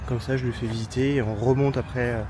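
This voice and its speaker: A man's voice: medium pitch, steady tone, fast, darkish tone, slight background noise. A man casually vlogging a city trip outdoors, chatty and hesitant, with lots of fillers and self-mocking asides. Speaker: travel vlogger. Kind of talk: casual travel vlog.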